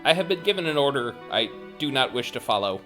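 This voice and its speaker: A man voicing a polite, obedient robot helper in a tabletop game, speaking in a flat, emotionless, formal way. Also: mid-range voice, fast talker, faint music behind. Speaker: game master.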